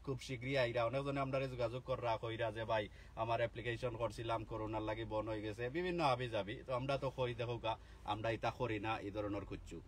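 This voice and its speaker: Livestreaming from his car, a Bangladeshi vlogger with a Sylheti accent chats casually and teases his audience, sprinkling in plenty of "inshallah." His mid-range voice has fairly even intonation and runs a little fast, with faint background noise behind it.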